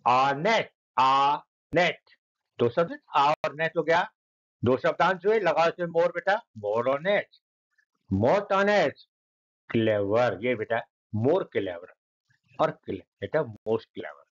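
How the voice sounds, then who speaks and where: Man, grammar teacher, fatherly, slow repetitions, spelled-out words, lo-fi sound. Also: fairly high pitch, animated. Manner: calls students "beta", repeats and spells words slowly. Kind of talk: classroom grammar lesson.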